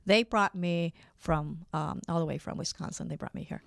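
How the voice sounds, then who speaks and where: Interview guest: woman, 40s, from Hong Kong, lawyer; lowish voice, hesitant and full of fillers. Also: moderate pace, gravelly, no echo, studio quality. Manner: hesitant, many fillers and restarts. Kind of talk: conversational interview.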